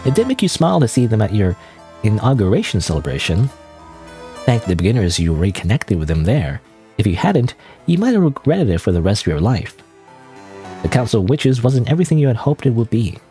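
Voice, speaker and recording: A man's voice: on the low side, sing-song, fairly quick, mellow, soft background music. A man from Canada, reading game text aloud and commenting casually. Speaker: game streamer.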